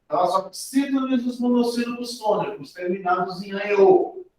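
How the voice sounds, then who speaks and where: A man's voice: sits high, brisk, a little mellow. A man with a Brazilian accent teaching a grammar lesson for an exam, explaining step by step and often adding tag questions. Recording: very echoey room, voice from a distance.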